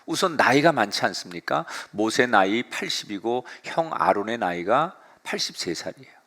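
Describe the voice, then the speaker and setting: A middle-aged male pastor preaching a sermon, retelling the story with lively, dramatic delivery. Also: medium pitch, normal speed.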